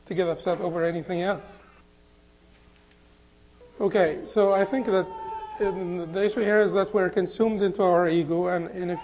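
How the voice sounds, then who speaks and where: Man from Egypt, Islamic lecture, high voice, halting, repeats words, dull lo-fi recording.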